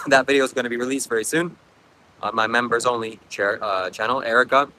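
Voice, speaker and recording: Speaking fairly quickly in a sharp-toned, mid-range voice, a man with a Ukrainian accent hosts a livestream from an outdoor beach with faint wind. English isn't his first language; he chats casually, reads comments, coughs frequently and rambles in a reflective way.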